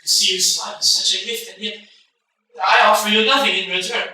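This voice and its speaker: An actor playing an earnest young Japanese officer who speaks formally and haltingly, recorded on a stage. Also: male voice, sits high, steady tone, bright, forceful tone. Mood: tender. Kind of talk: stage play acting. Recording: echoey stage from far off.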